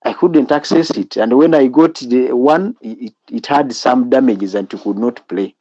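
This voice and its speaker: A man with a Ugandan English accent, a student in an online class, speaking haltingly with many restarts. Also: medium pitch, warm tone, no echo, highs cut off. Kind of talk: class discussion. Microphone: video call.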